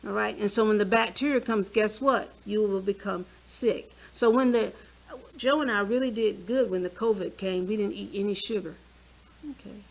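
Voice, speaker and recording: A woman in her sixties gives a lively health talk from a podium mic in a small church hall, chatting with the audience and asking them questions. Her mid-range voice has some vocal fry and moves at a moderate pace.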